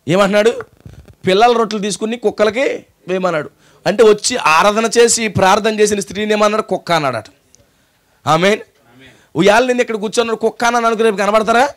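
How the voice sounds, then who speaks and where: A man with a Telugu accent preaching a sermon as a pastor, firing rhetorical questions at the congregation and pausing for call-and-response. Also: sits high, fairly bright tone.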